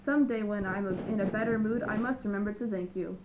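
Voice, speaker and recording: A woman's voice: mid-range voice, fast, muffled recording, background noise, lightly acted. A woman voicing a grumpy, proud male lion in a storybook, growling her words. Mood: grudging.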